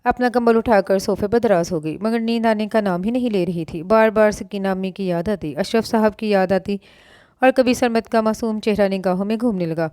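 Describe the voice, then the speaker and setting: A woman narrating a romance novel aloud with steady storytelling. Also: medium pitch, clear, resonant tone, no echo, clean studio sound.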